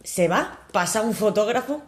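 Young woman, kinda tipsy, telling a story all excited, giggly, casual podcast chat. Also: medium pitch, moderate pace. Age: young adult. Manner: animated, excitable, laughs often. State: a little tipsy.

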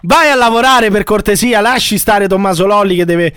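Guy, high voice, flustered denials, dry close sound. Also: moderate pace, fairly bright tone, clear, resonant tone, no echo. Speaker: podcast co-host. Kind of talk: comedic podcast banter.

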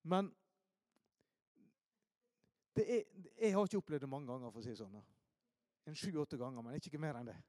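A preacher from Ålesund, telling stories in a sermon, shifting between loud emphasis and hushed asides. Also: male voice, mid-range voice, sing-song, long pauses, no room sound, studio quality. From Norway, Ålesund. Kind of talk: storytelling sermon.

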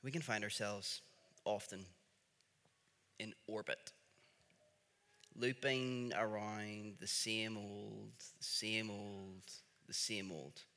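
A man preaching in a storytelling style, with dramatic pauses and emphatic repetition. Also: fairly low pitch, sharp tone. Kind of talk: storytelling sermon. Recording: reverberant large-room sound.

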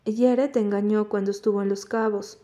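A woman narrating an audiobook voices a troubled young man who is blunt and still in love, speaking quietly and earnestly. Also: medium pitch, fairly even intonation, moderate pace, close to an everyday voice.

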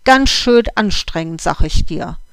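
A storyteller voicing Oskar, a calm and experienced male house cat who explains things patiently, in a dry recording. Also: mid-range voice, unhurried, clear, resonant tone, dry recording.

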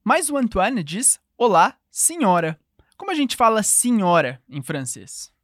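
A woman with a Brazilian Portuguese accent leads a call-and-response language lesson, speaking slowly and patiently so the listener can repeat after her. Her pitch rises and falls in a lively, animated way. The recording is dry and close, with no room echo. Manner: slow, patient, models phrases for repetition. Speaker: language teacher.

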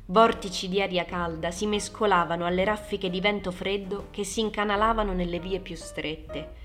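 Una donna che legge un romanzo come narratrice, con un tono calmo e regolare. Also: female voice, mid-range voice, normal speed, faint music behind. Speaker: audiobook narrator. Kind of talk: scripted narration.

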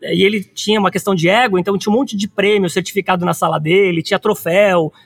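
A man with a Brazilian Portuguese accent hosting a conversational interview, telling stories with energy and slowing down to stress his points. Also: sits high, gravelly. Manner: animated storyteller, slows down to stress points. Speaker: podcast host.

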